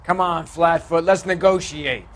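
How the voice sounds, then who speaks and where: An actor playing a bitter American criminal in a hardboiled crime game, sarcastic, goading and slangy. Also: male voice, a little high, fairly even intonation, a little slow, close to an everyday voice. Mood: taunting. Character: bitter, sneering American criminal accomplice and lover. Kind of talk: mid-century hardboiled crime game acting.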